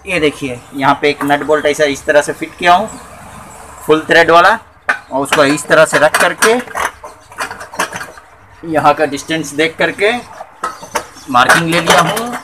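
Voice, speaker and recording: Recorded on a handheld phone in a small cluttered workshop, a thirtysomething man narrates a repair for his channel in a slightly high voice. He's unhurried and pauses often, chatting his way through each step, and the recording is very noisy.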